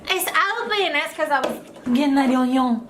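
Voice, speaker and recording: High-voiced woman telling a playful story. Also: expressive, normal speed, a bit bright, a little hiss or hum. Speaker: vlogger. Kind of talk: casual chat. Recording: echoey room.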